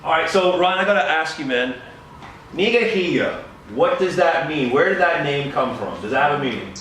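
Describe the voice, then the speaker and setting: A man's voice: a little high, animated, moderate pace, fairly bright tone. Upbeat male event host, wordy presenter delivery, miked far off in a reverberant room with faint noise. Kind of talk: hosting a live interview to a room audience. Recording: echoey room mic heard from afar.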